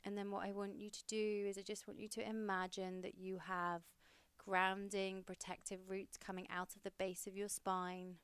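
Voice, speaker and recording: A young woman hosting a podcast, leading a guided meditation in a slow, soothing, steady way. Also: medium pitch, clean tone, no echo.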